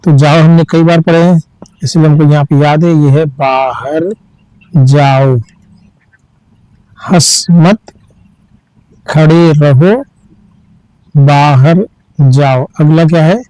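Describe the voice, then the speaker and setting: A man teaching reading, spelling each word out letter by letter and then reading it slowly and patiently. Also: fairly high pitch, fairly even intonation, dark tone, dry recording, poor audio. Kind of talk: slow letter-by-letter reading lesson.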